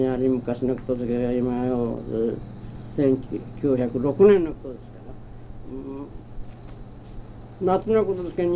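An elderly man from Japan telling his life story as an oral history interviewee, in a rambling, halting way with old-fashioned rustic speech. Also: fairly high pitch. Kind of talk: reminiscing in a personal narrative. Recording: muffled, dull old tape with faint hiss. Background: faint background noise.

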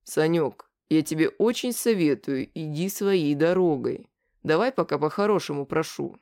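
The reader voicing a calm, menacing grown man who speaks slowly and quietly in an audiobook. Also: mid-range voice, lightly acted. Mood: calm threat. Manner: slow, quiet, measured.

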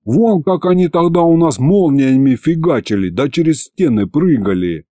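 A man's voice: on the high side, lively intonation, moderate pace, dark tone, dry recording, clean studio sound, voice pushed up, lightly acted. A man voicing a brash male imp sidekick who talks in street slang. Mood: brash eager.

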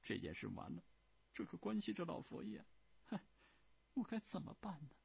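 A man voicing a sly, fawning male eunuch servant at an imperial court, wheedling and shrill. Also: sing-song, moderate pace, vocal fry, darkish tone, breathy edge, heavily acted.

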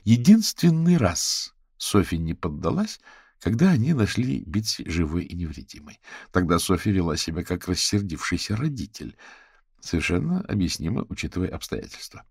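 A man narrating an audiobook in an expressive, measured reading on a close studio mic. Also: low-pitched, gravelly, breathy edge, dry recording. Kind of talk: scripted narration.

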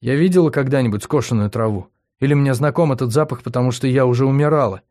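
A man's voice: mid-range voice, fast talker, darkish tone, pitched above the performer's own voice, natural voice. A man reading an audiobook, voicing a cheerful but stubborn young woman patient in a raised, pleading voice. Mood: frightened, pleading.

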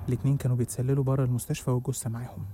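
Rapid Egyptian man telling a horror story. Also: medium pitch, little pitch movement, dark tone. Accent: Egyptian Arabic. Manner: suspenseful, first-person, rapid telling. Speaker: storyteller host. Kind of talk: dramatic horror story narration.

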